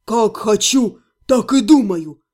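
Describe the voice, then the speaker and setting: A woman voicing a grumpy, jealous young half-gnome man in an audiobook, snapping and gruff. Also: on the high side, lively intonation, takes it slowly, a little mellow, pitched below the performer's own voice.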